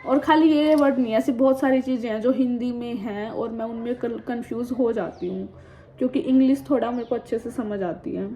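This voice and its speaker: A woman's voice: on the high side, steady tone, a little fast, warm tone. A woman in her twenties chatting casually in a vlog, reading viewer comments aloud and frankly answering back, mixing English words into her talk. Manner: mixes Hindi with English words and phrases. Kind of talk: casual chat. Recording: dull, slightly muffled sound with faint background noise.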